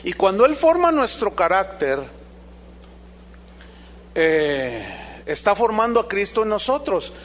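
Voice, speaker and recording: A Mexican pastor with a high, slightly bright voice and a Mexican Spanish accent preaches with emphasis. He quizzes his congregation through rhetorical questions.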